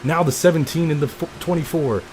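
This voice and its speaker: A young man streaming a racing game live, calling the action in an excitable, announcer-like play-by-play. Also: on the high side, fairly quick, faint music behind. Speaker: gaming streamer.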